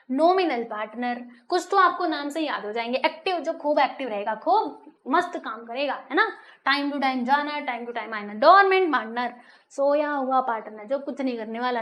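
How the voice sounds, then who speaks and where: A woman teacher giving a classroom lecture. She keeps checking in with her pupils and slows down to read textbook lines aloud. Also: high-pitched, a bit bright. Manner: asks pupils frequent rhetorical checks. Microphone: recorded for an online lecture video.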